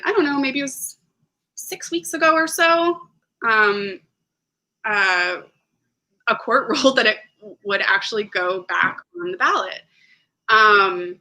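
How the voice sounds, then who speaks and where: A woman co-hosting a political talk show, talking in an earnest, halting way with many pauses over a video call. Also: mid-range voice, bright, forceful tone, low-quality recording. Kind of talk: casual chat.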